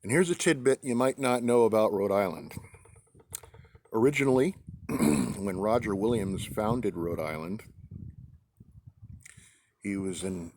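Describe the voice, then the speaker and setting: An American man from New England talking casually and haltingly as he hosts a vlog outdoors on a deck. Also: fairly low pitch, lively intonation, darkish tone, slight background noise. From New England, United States. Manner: halting, with pauses mid-sentence. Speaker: pipe-smoking video host. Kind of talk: casual rambling vlog monologue. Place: outdoors on a deck in a light breeze.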